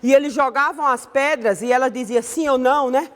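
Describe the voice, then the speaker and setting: High-voiced Brazilian woman teaching in a reverberant hall. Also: a little fast. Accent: Brazilian Portuguese. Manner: conversational, tags sentences with "né?". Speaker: Bible class teacher. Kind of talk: online Sunday school lesson.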